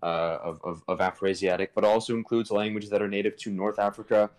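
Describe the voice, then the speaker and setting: A man with a lowish voice explains old languages in a loose, irreverent way, tossing in slang and jokes. He talks casually, like a guest on a chat show, and he comes through a video call. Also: level tone, fairly quick, darkish tone, rough recording. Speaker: podcast guest explaining linguistics.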